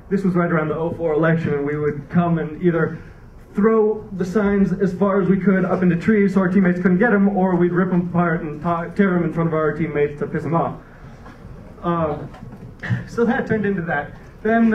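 The young comedian's voice sits high as he rambles wryly through his stand-up, restarting often, holding a handheld mic. A far-off camera records him on the dark stage, so the audio is distant, roomy and dull, with crowd laughter and slight hiss or hum.

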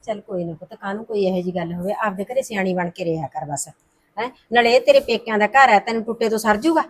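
A woman playing a fast-talking soothing mother. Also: medium pitch, slightly rough, close to an everyday voice. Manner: soothing, pleading, says "puttar" a lot. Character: soothing middle-aged mother smoothing over family quarrels. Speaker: the heroine's mother.

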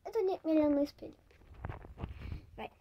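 A young woman with a Brazilian accent, chatting casually as she packs. She swings between loud exclamations and quiet muttered asides. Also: high voice, moderate pace, muffled recording. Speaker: vlogger. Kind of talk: casual chat while packing. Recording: clear background noise, handling clicks.

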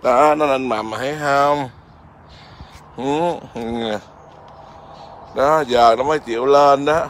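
A man's voice: mid-range voice, steady tone, slow, long pauses, a little hiss or hum. A man, a Buddhist monk, chatting casually outdoors in his garden and keeps asking his viewers whether they see. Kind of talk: casual home vlog.

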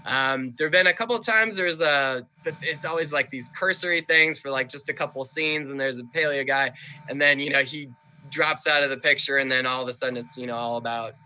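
Male podcast guest; very bright tone, eager conversational delivery with frequent ums. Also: medium pitch, a little fast. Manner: enthusiastic, chatty, many fillers. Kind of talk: casual conversation.

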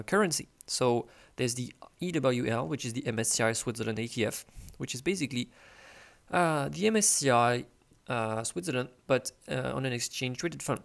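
A man's voice: medium pitch, gravelly. A man with a tired morning voice, hosting a finance video and talking through market charts in a casual, hesitant way. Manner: hesitant, many uh fillers, non-native phrasing. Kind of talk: casual market commentary over screen share.

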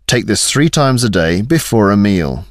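A man's voice: on the low side, lively intonation, a little slow, no room sound, studio quality. A man reading phrases with careful model pronunciation for learners. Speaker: English phrase reader.

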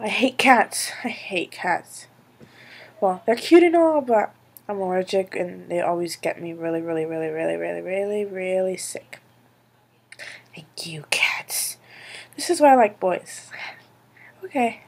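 A woman's voice: medium pitch, darkish tone, slightly rough. A young woman with a stuffy nose from a cold, chatting and ranting casually in a vlog, rambling and a little sarcastic. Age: young adult. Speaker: vlogger. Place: indoors, filming alone.

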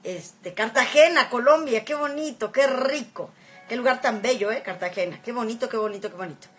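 A woman's voice: fairly high pitch, moderate pace, fairly bright tone, faint music behind. A woman chatting casually on a phone live-stream, reading viewer comments aloud and greeting viewers by name. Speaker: Instagram live host.

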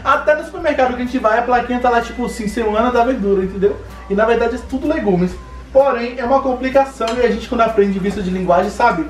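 A young man with a Bahian Brazilian accent talks very quickly to his viewers. He is chatty and casual, like a cooking vlog host, with light music in the background. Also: very high-pitched. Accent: Bahian Brazilian Portuguese. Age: young adult. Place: home kitchen, indoors.

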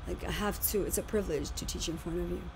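A woman teacher in her thirties, fast and animated, lectures her class via video call from indoors at home, her big voice low and creaky. She keeps repeating and restarting phrases, and the webcam captures noisy sound.

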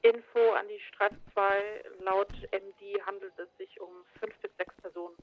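A woman's voice: mid-range voice, fairly even intonation. A woman's voice comes through a walkie-talkie, dull and muffled like a cheap radio. She talks in the clipped, formal way of a police dispatcher, closing each call with radio procedure words. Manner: brisk, formal, ends calls with "komm". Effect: over a walkie-talkie radio. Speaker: police dispatcher in a game roleplay.

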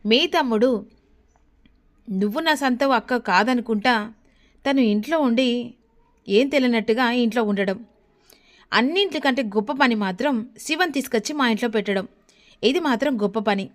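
A woman's voice: fairly high pitch, moderate pace, long pauses, natural voice. A woman voicing a stern young husband who lectures his wife in cutting tones. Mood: lecturing.

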